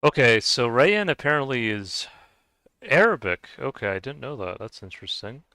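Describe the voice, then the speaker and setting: Sing-song and pushed bright, a mid-range male voice at normal speed chats with viewers while streaming a game. He's hesitant, chuckling as he stumbles over how to say names. There's no room sound: just a dry close mic with faint music.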